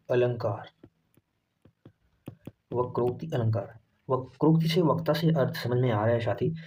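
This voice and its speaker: A man teaching a grammar lesson for exam students, who dictates definitions and repeats phrases slowly so that students can copy them down. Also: medium pitch, mellow. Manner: repeats phrases slowly for note-taking, addresses students as "saathi". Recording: slightly dull audio with faint noise.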